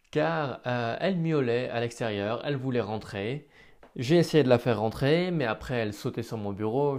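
A man's voice: mid-range voice, a little mellow. Tired man stammering now and then. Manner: stammers and restarts words. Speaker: podcaster. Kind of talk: casual spoken diary podcast. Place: home office.

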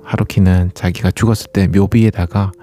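A man's voice: low voice, steady tone, normal speed, warm tone. A man hosting a running talk, speaking casually and politely as he explains things to listeners and puts questions to them. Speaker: running channel host.

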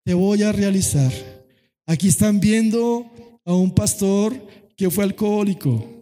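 A man preaching as a pastor, swinging between soft pleading and loud shouted lines, sometimes half-singing his phrases. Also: high voice, unhurried. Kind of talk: sermon. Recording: long hall reverb with faint music.

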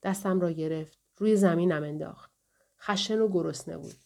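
A woman reading a novel aloud in the first person, calm, measured and somber. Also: on the low side, vocal fry. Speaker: audiobook narrator.

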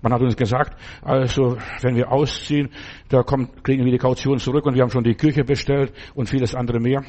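A man's voice: mid-range voice, level tone, a little fast, a little mellow. A man giving an informal sermon full of personal stories, talking straight to the listener as a friend and often checking that they follow. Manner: conversational, keeps asking "verstehst du?"; addresses the listener directly as a friend. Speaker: preacher.

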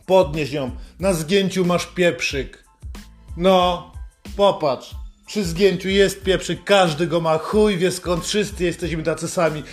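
A man's voice: sits high, slow, soft background music. A man delivering a sarcastic, mocking rant, swearing constantly and scolding the listener. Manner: mocking, heavily profane, scolding.

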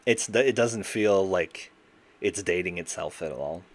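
A man's voice: low-pitched, a little slow. A man co-hosting a film podcast in casual chat, rambling and correcting himself, laughing often. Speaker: podcast co-host.

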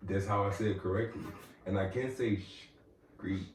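A man's voice: lowish voice, brisk, slight background noise. Laid-back slangy male podcast host. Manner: loose, slangy and joking. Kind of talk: casual chat. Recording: roomy, distant mic, faint ambience.

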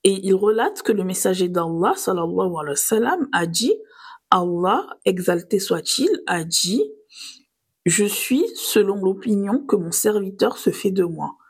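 A woman hosts her own podcast alone, talking in an earnest, reflective way. Her voice is soft and breathy, with a middle pitch. She pauses on small fillers as she works through her thoughts. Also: lively intonation. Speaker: podcast host. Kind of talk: solo religious reflection podcast.

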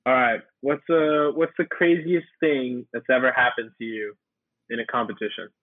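A young man co-hosting a podcast, relaxed and a bit hesitant, with fillers. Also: mid-range voice, normal speed, no room sound. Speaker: podcast co-host. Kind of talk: casual podcast chat. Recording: tinny phone-like line, dry.

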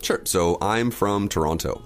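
A man co-hosting a language-lesson podcast, relaxed and agreeable, with many short replies. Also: deep voice, a little slow, soft background music. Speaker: podcast co-host, native English speaker. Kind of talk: casual lesson chat.

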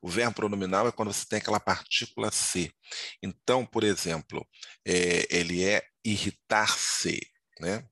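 A man's voice: lowish voice, fairly even intonation, normal speed, bright, forceful tone, dry recording. An older man with a Brazilian Portuguese accent, giving a casual grammar lesson in a chatty, digressive way that keeps asking for agreement. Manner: chatty, digressive, frequent tag questions. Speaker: Portuguese teacher.

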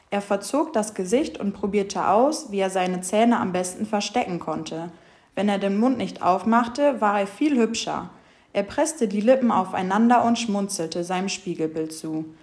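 A woman reading a children's story aloud with lively, expressive storytelling. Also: mid-range voice. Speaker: storybook reader.

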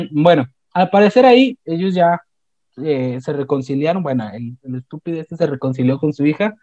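Young man, Mexican accent, slangy animated storytelling, higher voice, dull dry lo-fi sound. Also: moderate pace, dry recording. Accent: Mexican Spanish. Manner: slangy, animated retelling with many restarts. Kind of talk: casual chat retelling an anime.

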